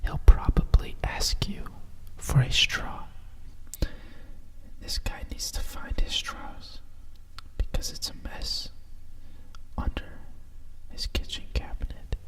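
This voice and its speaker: A fully whispered ASMR voice, reading a bedtime story right in your ear. The delivery is slow, soft and breathy, with soothing asides between the lines of the picture book. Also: far from the mic, poor audio.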